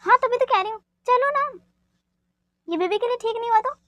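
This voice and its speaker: A woman voicing an anxious, caring young woman who is quick to anger, with a pleading, emotional manner, in a fan dub drama. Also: very high-pitched, a bit bright, dry recording, highs cut off. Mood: insistent.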